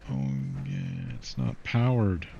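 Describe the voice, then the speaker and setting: Low, gravelly man muttering over a game. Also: wildly swooping pitch, takes it slowly, dark tone. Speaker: gaming video host. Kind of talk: casual gameplay commentary, thinking aloud. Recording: dull, muffled audio with faint noise.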